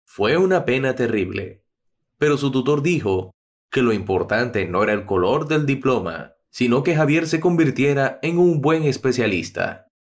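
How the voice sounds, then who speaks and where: A man narrating a dramatic story in a steady, scripted reading. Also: mid-range voice, normal speed.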